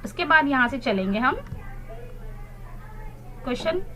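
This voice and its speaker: Speaking unhurriedly in a bright, forceful, high-pitched voice with lively intonation, this woman teaches young children English in a recorded online lesson. She explains things in Hindi and spells each word letter by letter.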